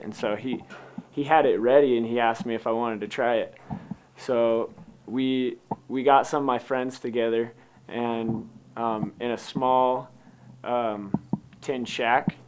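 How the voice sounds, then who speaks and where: An American man from Utah who founded a coffee company tells its story in a casual, unscripted, loosely rambling way, as if to an interviewer. His mid-range voice is clear and resonant.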